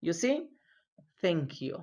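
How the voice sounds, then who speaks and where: A woman whose first language is Spanish leads a classroom lesson at an unhurried pace. She patiently says each word slowly and repeats it so her students can echo it back. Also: lowish voice, big pitch swings, warm tone, highs cut off. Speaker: English teacher.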